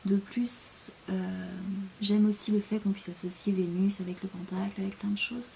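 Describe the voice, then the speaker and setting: A woman's voice: medium pitch, steady tone, normal speed, gravelly, dark tone, a little hiss or hum. A young French woman chatting in a casual rambling monologue, hesitant, with many fillers, often sinking to a near-whisper. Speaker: vlogger.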